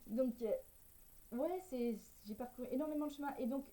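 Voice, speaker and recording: A woman's voice: high voice, normal speed, warm tone. A French woman talking through a casual personal vlog, hesitant and stumbling over her words, on poor sound. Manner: hesitant, stumbling, laughs now and then. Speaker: personal development coach and writer.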